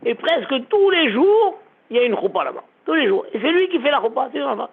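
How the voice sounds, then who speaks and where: Animated, gravelly-voiced rabbi telling a story. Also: male voice, very high-pitched, fast talker, phone-quality sound. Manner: dramatic, repetitive storytelling. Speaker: rabbi teaching.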